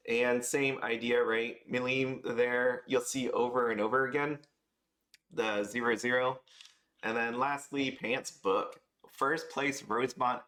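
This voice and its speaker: A tired man chats his way through a card price review, rambling and restarting as he goes. His voice sits at an ordinary middle pitch, and the talk is casual rather than scripted. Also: fairly bright tone. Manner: loose and rambling, many fillers and restarts. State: tired after an early start. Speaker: card game video host.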